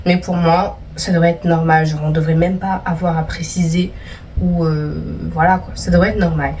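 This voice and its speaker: A woman's voice: on the low side, little pitch movement, normal speed, a little mellow, distant mic, a little hiss or hum. A young woman vlogger reading out viewer stories and teasing them in casual, playful chat.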